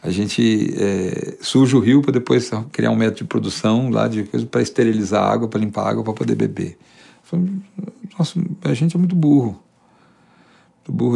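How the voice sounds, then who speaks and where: This interviewee, a singer-songwriter from the São Paulo countryside in Brazil, thinks aloud in a gravelly, fairly low voice with a warm tone. His reflective monologue is conversational, marked by frequent restarts and repeated words.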